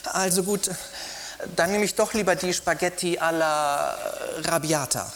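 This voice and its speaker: A peeved young woman on a dinner date, as a male narrator puts her on, her voice lifted high and sharp. She snaps her words out and sounds put out. Faint noise sits under the reading. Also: a little slow. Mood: irritated. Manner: snappish, irritated.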